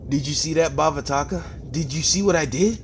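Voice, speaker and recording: A man's voice: on the high side, brisk, background noise, voice pushed up, natural voice. A man reading a pompous proud explorer. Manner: pompous, formal phrasing. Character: self-important male explorer, proud and eager.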